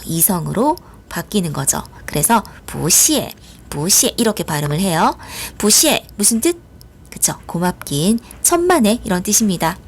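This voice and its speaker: She's a teacher recording a lesson, bouncy voice, slows down on example words, patient. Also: mid-range voice, husky. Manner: patient, lively explaining with drawn-out model words. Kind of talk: online school lesson.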